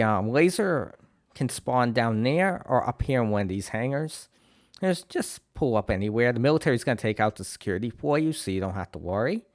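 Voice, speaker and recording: A game guide creator with a New England accent and a slight lisp gives casual walkthrough commentary on a video game mission in a relaxed, rambling style with lots of "uh"s and restarts. He has a cold and clears his throat. His medium-pitched voice is recorded at studio quality with no room sound.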